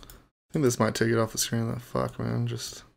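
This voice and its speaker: A man's voice: medium pitch, monotone, moderate pace, gravelly. A man streaming online poker, talking through his hands in a casual, profane mutter. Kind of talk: live poker commentary.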